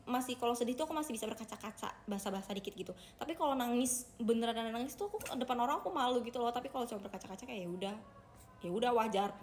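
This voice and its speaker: A young woman talks quickly and chattily to her livestream viewers, her voice pitched a little high. She keeps calling them guys as she goes. Faint ambience hums behind her. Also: slight background noise. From Indonesia. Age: young adult. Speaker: idol livestreamer. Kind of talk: casual livestream chat.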